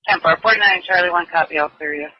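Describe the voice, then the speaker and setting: A man working as a police dispatcher over a walkie-talkie, briskly reading back each call. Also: high voice, breathy edge, no echo. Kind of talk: terse police radio calls. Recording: archival lo-fi police radio.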